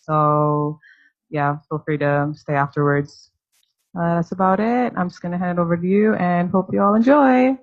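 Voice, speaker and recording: A woman's voice: on the low side, normal speed, dull audio. A woman organizer casually introducing a speaker and giving housekeeping notes, hesitating with fillers. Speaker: event organizer.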